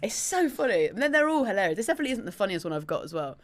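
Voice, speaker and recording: A young woman from Leeds, a podcast guest telling stories in casual chat, animated and quick to laugh. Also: medium pitch. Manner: giggly, animated storyteller.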